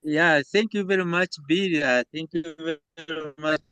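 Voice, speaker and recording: Man, slow halting speech, breaking-up video call, distant dry sound. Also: on the high side, sharp tone, smooth, no room sound. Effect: choppy breaking-up video call connection. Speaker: meeting participant.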